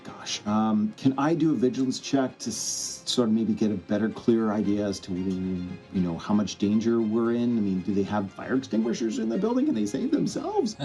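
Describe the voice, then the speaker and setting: A man's voice: fairly low pitch, normal speed, hardly any pauses, warm tone, faint music behind. A man playing in a tabletop game, thinking aloud and rambling. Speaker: player.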